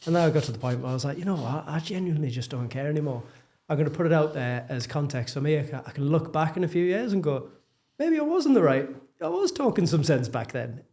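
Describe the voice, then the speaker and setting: Speaking quickly and with lots of animation, a Geordie property developer from northeast England chats on a podcast in a relaxed interview. His voice sits fairly high but sounds mellow, and he's frank and self-deprecating throughout.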